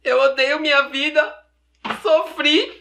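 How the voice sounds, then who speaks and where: A man's voice: extremely high pitch, lively intonation, a little fast, pushed and bright, exaggerated voice. A man voicing a hot-tempered, melodramatic teenage girl who whines and swears. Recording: roomy echo.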